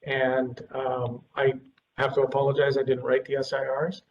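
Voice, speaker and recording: A man's voice: medium pitch, monotone, moderate pace. A man answering questions for a city department in a hesitant, apologetic way. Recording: dull audio, slightly distant mic, faint background hum.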